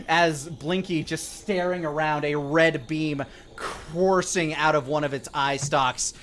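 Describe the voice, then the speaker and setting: A man's voice: on the high side, steady tone, slow, very noisy. A man narrating as dungeon master in a live-streamed tabletop game, describing the scene with fillers and restarts.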